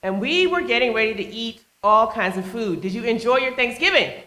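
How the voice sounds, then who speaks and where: A woman's voice: fairly high pitch, lively intonation, fairly quick, pushed and bright. A woman hosting a live talk show on a small stage, chatting playfully and teasing the audience. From United States, family from Trinidad and Tobago.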